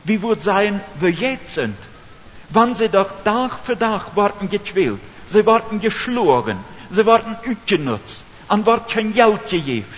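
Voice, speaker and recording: A man preaching a sermon, telling a story slowly and earnestly and putting questions to the listener. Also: high voice, sing-song. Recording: dull lo-fi recording with long reverb and hiss.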